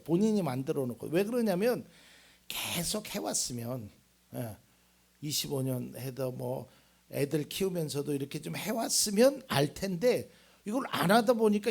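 A man in his fifties, a pastor giving a sermon in a church, who starts with a homely story and then preaches louder and more emphatic. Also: on the high side, creaky, slightly rough. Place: church sanctuary.

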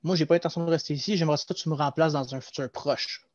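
A man's voice: fairly high pitch, fast, no room sound. A young man with a Québécois French accent, explaining things at length and with energy in a casual video-call interview. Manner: animated, explanatory, gestures while talking. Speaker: guest, former loss-prevention agent. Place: small room at home. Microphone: headset. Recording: dull lo-fi video call audio.

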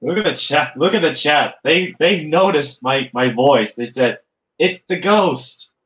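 A man's voice: fairly high pitch, normal speed, a bit bright. Young guy co-hosting a stream, kinda rambly, muffled lo-fi mic. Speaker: livestream co-host. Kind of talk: casual livestream chat.

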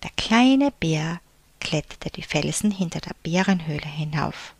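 A woman reading a picture book aloud to children in a soft, unvoiced whisper, as a whispered storybook reading. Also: low voice, expressive, measured pace, creaky, slightly rough, no room sound.

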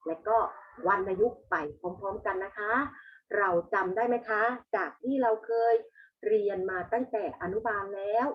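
A woman's voice: mid-range voice, steady tone, muffled recording. A woman teaching young pupils, patiently reciting the alphabet and having them repeat each letter. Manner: slow, patient, calls the pupils "ลูก". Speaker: primary school teacher.

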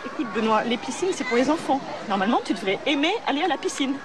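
A woman's voice: high-pitched, animated, fast talker. An actress playing an exasperated, foul-mouthed young woman with a short temper in a film, speaking to a child. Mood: coaxing, patient. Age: young adult. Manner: coaxing, then explosive, foul-mouthed. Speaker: actor in a comedy film. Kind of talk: film acting. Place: outdoor public swimming pool lawn. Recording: noisy outdoor crowd behind.

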